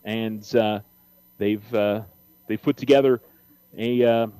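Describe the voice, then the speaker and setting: A man's voice: lowish voice, steady tone, slow, warm tone, clean tone, dry recording. An American man hosting a sports radio show, talking off the cuff through baseball pregame commentary with frequent hesitations.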